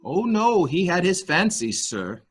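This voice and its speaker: Playing a deferential male nurse-attendant who serves a rich invalid, a man gives a full character voice that sits high and is very animated, slightly rough, and a little slow. The murder mystery reading has him speaking formally, hesitantly and obsequiously, nervous and primly servile.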